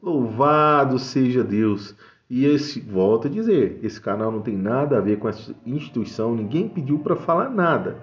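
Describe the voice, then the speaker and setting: With an expressive, mid-range voice at a moderate pace, a Brazilian Portuguese-accented man shares an emotional religious testimony in church, recounting his story before bursting into praise. Faint music plays in the echoey, somewhat dull recording.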